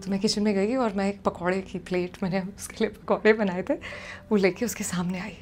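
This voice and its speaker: A young woman with a medium-pitched voice performs a comic personal story, chatty and animated at a fairly quick pace, mixing in English phrases. There's a little hiss or hum in the recording.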